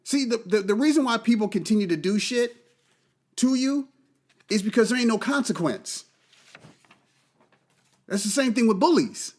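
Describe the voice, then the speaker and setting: A man's voice: sits high, lively intonation, moderate pace, pauses often. A man hosting a podcast, delivering an impassioned, profane monologue and repeating key phrases for emphasis. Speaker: podcast host.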